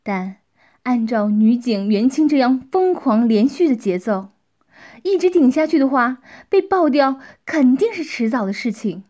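A woman narrates a story in a high voice at an unhurried pace. She often sinks into soft, half-whispered stretches, keeping an even storytelling delivery throughout.

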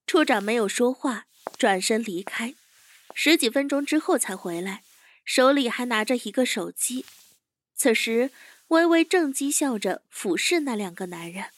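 A woman narrating an audio drama in a steady storytelling voice. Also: on the high side, a little slow, no echo.

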